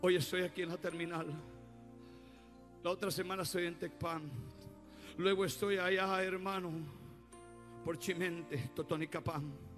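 A male pastor, preaching his testimony outdoors in the rain with fervent, sung and shouted phrases. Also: high voice, steady tone, measured pace, pauses often. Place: outdoors in the rain at a bus terminal. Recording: faint music behind.

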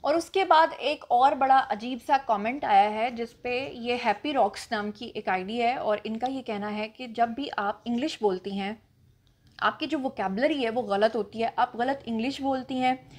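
A woman's voice: on the high side, normal speed. A woman vlogger with a Pakistani accent, a native Punjabi speaker, answering viewer comments in a casual Q&A, assertive and emphatic. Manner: assertive, emphatic, self-assured. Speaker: vlogger host.

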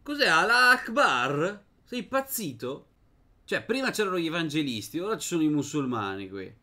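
A young man hosts a gaming channel, talking through a dark fantasy game in a loose, chatty way. His voice is bright and forward, and he talks to his viewers and to the game's characters as he plays. During tense fights his voice climbs into sudden excited shouts. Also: on the high side, a little fast. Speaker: gaming video host. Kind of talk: casual let's-play commentary.

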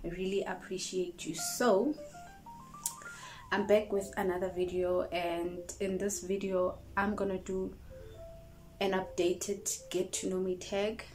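With a mid-range, darkish voice that barely moves in pitch, she talks a little slowly over faint background music on a rough recording. The young South African woman, in her twenties, is vlogging a rambling get-to-know-me chat on a close-range phone camera, sitting in a small room in front of cupboards.

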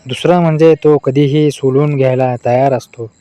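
A man reading out a string of short adult jokes in a flat delivery. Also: mid-range voice, moderate pace, no echo, lo-fi sound. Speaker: joke narrator.

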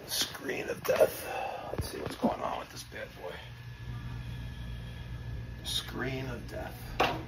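Plumber vlogger, man in his 40s, New York accent, hyped and animated, phone-filmed in a basement. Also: mid-range voice, slow pace, creaky, pauses often, heavy background noise. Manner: animated, hyped, talks to viewers. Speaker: plumber and heating technician. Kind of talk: on-the-job vlog narration. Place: house basement boiler room. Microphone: phone camera at arm's length.

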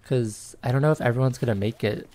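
A woman's voice: a bass voice, fast, warm tone. A woman in her twenties chatting casually on a livestream while playing a game, bubbly and giggly with lots of little cheers. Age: 20s. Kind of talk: casual gameplay chat.

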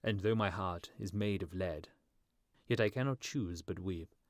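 A man voicing a gentle, sorrowful statue of a dead prince in a storybook, musical and mournful. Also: dry recording, clean studio sound. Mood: wistful, sorrowful. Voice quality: low, musical. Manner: slow, gentle, mournful, pleading.

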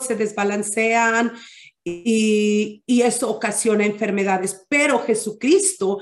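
A woman teaching a Bible study, deliberate and often checking in with her listeners. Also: on the high side. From Mexico. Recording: echoey room.

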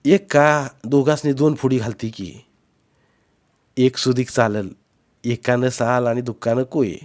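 A man's voice: mid-range voice, steady tone, a little slow, close to an everyday voice. A man voicing an eager young village daughter in a spoken storybook, chattering helpful suggestions.

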